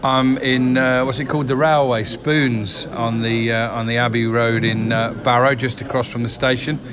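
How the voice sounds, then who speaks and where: Male football interviewer, stop-start delivery, muffled sound with clear crowd chatter behind. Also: medium pitch, little pitch movement, moderate pace. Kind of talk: on-location interview. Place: busy pub.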